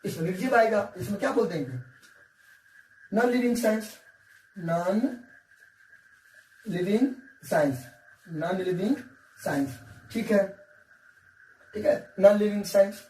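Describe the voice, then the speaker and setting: A male teacher with a high-pitched, somewhat dark voice leads a science lesson at the whiteboard, speaking unhurriedly with long pauses. He coaxes and repeats himself, often checking that students are following. The room echoes, the mic is distant, and there's a faint hiss.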